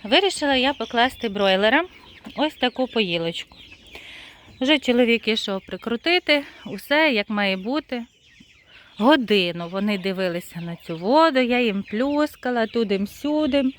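A chatty woman talks over her yard birds with a fairly high voice, laughing often. Faint clucking and rooster sounds sit in the background of this phone-camera outdoor recording. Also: lively intonation, normal speed, fairly bright tone, a little hiss or hum. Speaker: poultry-keeping vlogger. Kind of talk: casual vlog chat while tending birds.

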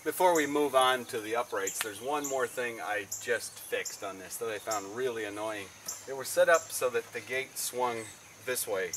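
A man's voice: medium pitch, normal speed, fairly bright tone. A man, explaining a home repair project in plain, practical terms outdoors. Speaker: DIY video host. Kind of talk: casual how-to narration. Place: outdoors in a backyard. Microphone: camera mic from a few feet away. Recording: outdoor camera audio with insect noise.

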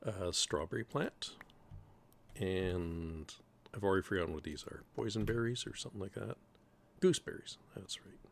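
A middle-aged man with a low, gravelly voice walks through his game session in a relaxed, rambling way, thinking aloud as he goes. He drops dry little jokes between his plans, speaking close to a desk microphone. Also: normal speed. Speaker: gaming channel host. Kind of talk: casual let's-play commentary.

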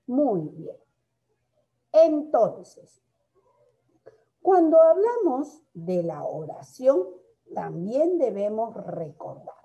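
Primary teacher, woman: slow, very expressive delivery, fond and patient with young pupils. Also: a little high, muffled recording. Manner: affectionate, calls pupils "my loves"; slow and explanatory, with frequent rhetorical questions. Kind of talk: recorded grammar lesson for children.

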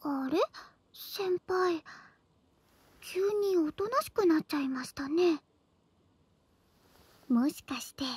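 A woman's voice: sits high, animated, moderate pace, pauses often, no echo. An actress playing a teasing, clingy schoolgirl in love, in sweet, intimate pillow talk for an audio drama. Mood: smug, affectionate. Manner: sweet, coaxing pillow talk with whispered asides.

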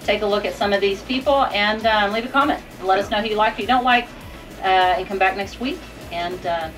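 A middle-aged woman hosting a casual chat in a boat's cabin, upbeat and quick to laugh. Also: mid-range voice, distant mic, music in the background, rough recording. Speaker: show host. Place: boat saloon indoors.

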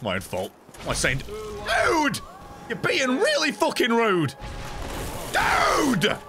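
A man's voice: very high-pitched, huge pitch swings, slow pace. Swearing man streaming a game. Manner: swearing, exasperated, swinging between mutters and shouts. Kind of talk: live game commentary. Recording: gameplay stream with music behind.

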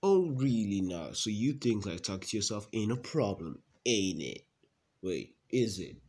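A man's voice: on the low side, sing-song, a little slow, a little mellow, slightly rough, heavily acted. A man playing a self-absorbed young brother in a comedy sketch, rambling defensively with many fillers.

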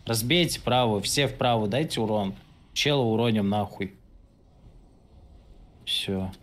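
A man's voice: on the low side, measured pace, a bit bright. A man leading an online game raid over voice chat, giving blunt, bossy, profane instructions. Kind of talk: casual gaming voice chat, calling instructions. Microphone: online voice-chat microphone. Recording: slightly noisy gaming voice chat.

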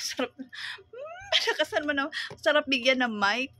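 A woman with a Filipino accent vents about customers in a casual vlog from her small shop. Her voice is bright and a little high, recorded close and dry with no room echo. She talks in an animated way, laughs often and growls in mock annoyance. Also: normal speed. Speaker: sari-sari store owner vlogger.

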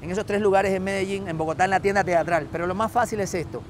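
A Cuban man tells his stories at a fast clip in a slightly high voice, slipping into the other people's lines as he goes. He is recorded outdoors, with faint traffic behind him. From Cuba. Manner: animated anecdotes, acting out dialogue. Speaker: guest, author and humorist. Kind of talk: storytelling interview.

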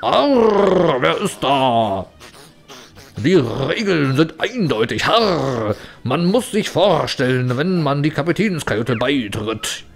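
Game pirate captain played by a man: blustering, bossy, easily scared, gruff exclamations, music behind. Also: on the high side, big pitch swings, takes it slowly, exaggerated voice. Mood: gruff, suspicious. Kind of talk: reading video game dialogue aloud.

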